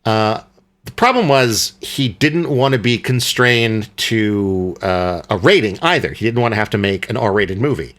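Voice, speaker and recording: Low-voiced man musing about a film. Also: lively intonation, a little slow, fairly bright tone. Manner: rambling, hesitant with many fillers and restarts. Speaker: podcast co-host. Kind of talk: casual film discussion.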